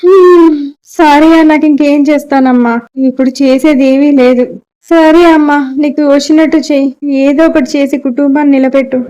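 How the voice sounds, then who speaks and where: A woman's voice: sits high, steady tone, brisk, dark tone, rough recording. A woman with a Telugu accent voicing the mother-in-law in a cartoon moral story, pleading and emotional.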